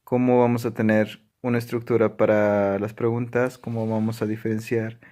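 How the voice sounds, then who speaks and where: A man's voice: lowish voice, little pitch movement, moderate pace, dark tone. A man teaching a language lesson, emphatic and checking in with frequent "ujú" affirmations. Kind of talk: explanatory lesson.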